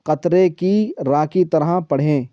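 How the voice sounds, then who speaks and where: A man teaching Quran reading one-on-one, with a raised, mellow tone and a smooth, clear voice. He explains each rule patiently and draws out syllables slowly so the student can copy them. The sound is dry and slightly dull, like a lo-fi line. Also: on the high side, no echo. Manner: patient, repeats and drawls syllables slowly to model pronunciation. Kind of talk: one-on-one recitation lesson.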